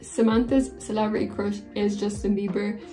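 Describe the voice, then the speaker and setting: A woman's voice: mid-range voice, flat delivery, normal speed, mellow, faint music behind. A woman in her twenties casually gossiping and giving opinions in a reaction vlog. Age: 20s. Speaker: reaction vlogger.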